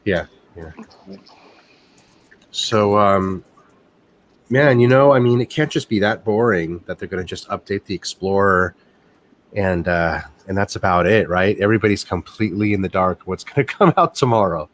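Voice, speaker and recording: A man's voice: low voice, moderate pace, long pauses. A man hosting a casual live chat over a video call, chatty and musing. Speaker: host.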